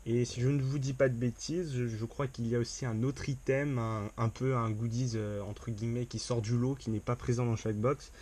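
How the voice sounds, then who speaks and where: A man's voice: medium pitch, steady tone, normal speed, hardly any pauses, a little mellow. A man doing casual unboxing commentary to a camera, chatty and upbeat, with lots of fillers and restarts. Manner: upbeat enthusiasm. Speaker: unboxing vlogger.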